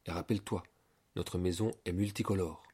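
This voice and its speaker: Man voicing a mother dog, tender, soft, quiet, low mellow voice, storybook. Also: steady tone, a little fast, breathy edge.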